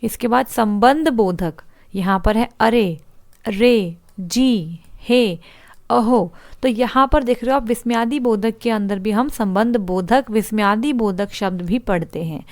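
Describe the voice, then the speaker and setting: A woman's voice: fairly high pitch, a little slow, a little mellow, no echo. A woman teaching a Hindi grammar lesson for exam prep, explaining step by step and asking rhetorical questions. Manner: explanatory, repeats points and asks rhetorical questions.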